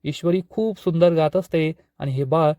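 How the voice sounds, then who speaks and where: Male episode reviewer, fairly high, mellow voice, dramatic retelling. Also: normal speed, no room sound, studio quality. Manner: dramatic storytelling.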